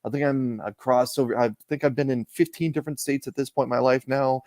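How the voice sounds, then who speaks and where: A Canadian man talks casually as a live-stream guest, circling back and restarting his sentences as he goes. His voice sits at a middling pitch. The sound is dry and close, with no room echo. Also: steady tone, fast talker, darkish tone. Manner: rambling, repeats and restarts words.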